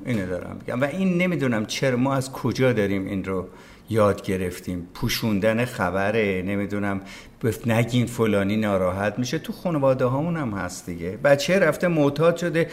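A man's voice: lowish voice, expressive. A man, a veteran broadcaster, talking as a podcast guest in casual conversation, emphatic and opinionated, often acting out what others said. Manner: emphatic, opinionated, acts out quoted speech.

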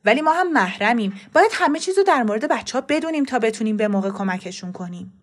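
A woman's voice: fairly high pitch, expressive. A woman voicing a careful, formal school principal. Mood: apologetic. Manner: apologetic, measured, formal.

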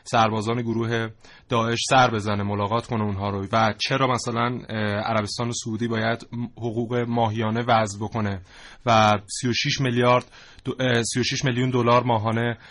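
Man, mid-pitched, talk show host, halting with pauses, studio discussion. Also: flat delivery, fairly bright tone. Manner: halting, with many fillers.

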